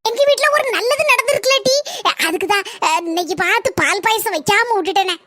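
A brash, food-obsessed village wife in a cartoon comedy. She talks in a very high, bright voice, scolding and snapping back at everyone, recorded close and dry. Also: animated, no room sound. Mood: scheming. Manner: brash, scolding, quick retorts.

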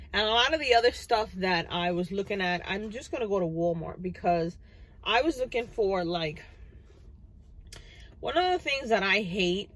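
A woman's voice: medium pitch, a bit bright, low-quality recording. Chatty woman vlogging from her car. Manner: chatty, rambling, many fillers. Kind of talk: casual chat. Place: parked car, indoors. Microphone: phone camera on the dashboard.

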